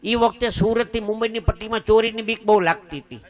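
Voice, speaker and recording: A man's voice: sits high, fast talker. A man telling a comic anecdote in a folksy storytelling manner. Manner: folksy anecdote with acted quotes. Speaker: comedian.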